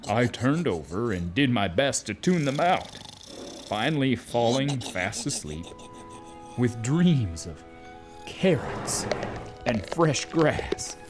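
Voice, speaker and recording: A man playing a weary, aggrieved donkey who tells his journey for a children's audio drama, with deliberate dramatic pauses. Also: mid-range voice, very animated, over music. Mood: weary storytelling. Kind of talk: first-person children's audio drama narration. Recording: noisy, with animal and cricket ambience.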